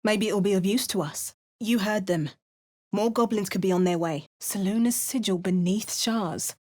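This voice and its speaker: Close to an everyday voice, this woman's delivery is medium-pitched and darkish in tone at a normal speed. She plays a video game's player character, a wry, resolute female adventurer given to narrating and to dry, understated remarks.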